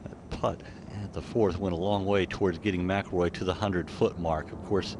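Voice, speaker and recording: Deep-voiced man, conversational golf commentary. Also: steady tone, normal speed, background noise.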